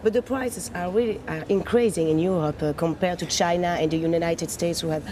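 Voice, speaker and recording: A woman's voice: fairly low pitch, steady tone, brisk, darkish tone, slight background noise. A woman interviewer putting questions in a somewhat hesitant, conversational way.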